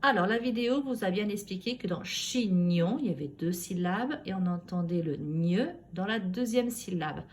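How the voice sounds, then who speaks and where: A schoolteacher working from her home, giving a phonics lesson to young children and sounding out each syllable slowly and carefully. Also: medium pitch, lively intonation, darkish tone, slight background noise. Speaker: primary school teacher.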